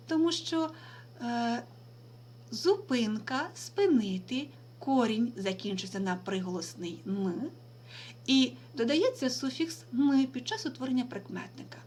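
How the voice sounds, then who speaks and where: A woman teacher giving a recorded remote lesson, reading out words slowly and deliberately and stressing them. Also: high-pitched, a little hiss or hum. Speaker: language teacher.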